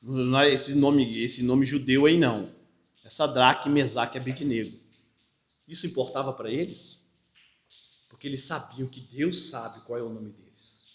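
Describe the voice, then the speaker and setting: A man's voice: on the high side, a bit bright, echoey room. A Brazilian man with a Brazilian Portuguese accent preaching an expository sermon, often asking "amém?" of his listeners. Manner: emphatic preaching with frequent call-and-response "amém?". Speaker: pastor. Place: church hall.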